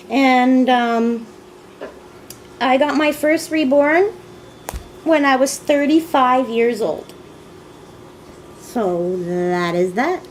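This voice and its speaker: A woman in her thirties from Canada talks in a slow, easy way as she answers tag questions on her vlog. Her voice sits high, she sounds a little tired, and faint noise runs underneath. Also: darkish tone, low-quality recording. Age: 30s. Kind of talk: casual chat.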